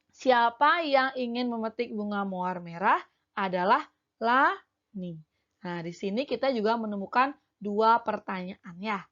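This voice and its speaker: A woman's voice: on the high side, muffled recording. A woman teacher explaining a language lesson for young schoolchildren, carefully and step by step, often starting with "nah" and "jadi".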